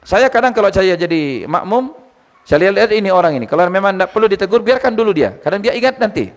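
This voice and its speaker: Man, religious teacher, lively lecture, questions the audience, high voice, long hall echo. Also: fast. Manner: lively, quizzes the audience, retells anecdotes.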